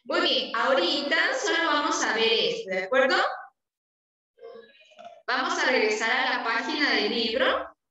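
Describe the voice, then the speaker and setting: A woman with a high, bright voice gives a preschool lesson, slow and patient, drawing out each word. She keeps stopping to check that the children follow. She sits back from the mic in a very echoey room. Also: lively intonation, distant mic. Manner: slow, patient, drawn-out teaching with many check-ins. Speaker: preschool teacher. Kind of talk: online class lesson.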